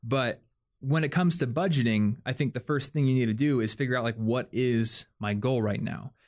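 A young man hosts a relaxed podcast conversation. His voice sits at a middle pitch, and he rambles as he works through his ideas, leaning on fillers and restarting his sentences. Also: normal speed. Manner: rambling, filler-heavy, thinks aloud. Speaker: podcast host. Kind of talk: casual chat.

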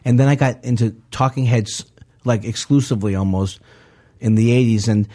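A man's voice: mid-range voice, fairly even intonation, warm tone. Male guest, casual talker, meanders, trips over his words. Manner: rambling, halting, many restarts. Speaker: comedian guest. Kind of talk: casual podcast conversation.

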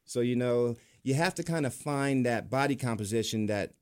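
A man hosts a radio program from a studio. He keeps things loose and chatty and laughs easily with his guests. His voice sits at an ordinary middle pitch. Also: normal speed, clear, resonant tone. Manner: chatty, laughs often, Southern "y'all". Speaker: radio show host. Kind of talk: casual studio interview.

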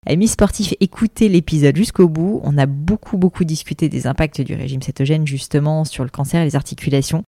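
A woman's voice: low voice, fairly quick, hardly any pauses, warm tone. A woman hosting a podcast, introducing her guest and asking long, winding questions with frequent hesitations. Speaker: podcast host. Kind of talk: casual podcast interview.

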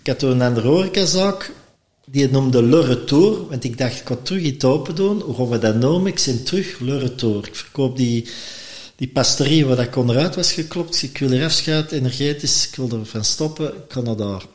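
A man from Antwerp with a Flemish accent, a podcast guest telling personal stories in lively conversation and acting out the voices he quotes. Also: medium pitch, a little fast. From Antwerp, Belgium.

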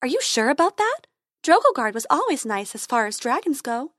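A woman voicing a brave, brisk female tooth fairy who works as a dentist. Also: sits high, sing-song, dry recording, clean studio sound, voice pushed up.

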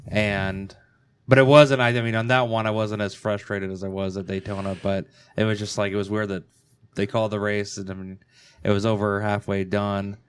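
A man's voice: fairly low pitch, level tone, normal speed, clear, resonant tone. A man co-hosting a casual sports podcast, speaking hesitantly with many ums and restarts. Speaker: podcast co-host.

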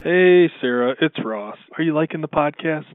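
A man's voice: a little high, lively intonation, normal speed, no room sound. A man, a podcast co-host, leaving a rambling, offhand phone voicemail full of fillers. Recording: tinny phone-line voicemail.

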